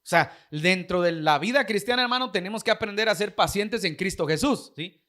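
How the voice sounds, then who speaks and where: A man's voice: high voice, brisk, sharp tone. A man preaching a sermon as pastor, with a Guatemalan Spanish accent, putting questions to the congregation.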